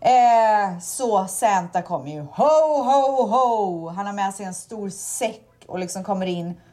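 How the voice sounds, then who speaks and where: A woman hosting a casual chat, telling animated stories and acting out quotes. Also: medium pitch. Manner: animated storytelling, acts out quotes. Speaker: podcast host.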